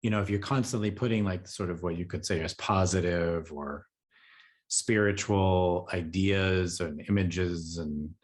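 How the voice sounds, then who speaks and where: A man with a very low voice teaches meditation in an easygoing, conversational way. He talks loosely, with many fillers and small soft laughs between thoughts. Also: unhurried. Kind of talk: casual spoken teaching.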